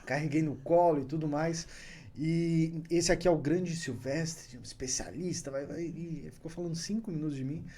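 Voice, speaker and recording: Animated man telling stories. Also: a little high, moderate pace. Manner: animated anecdote-telling, chuckles often. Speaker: guest entrepreneur. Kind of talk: casual podcast storytelling.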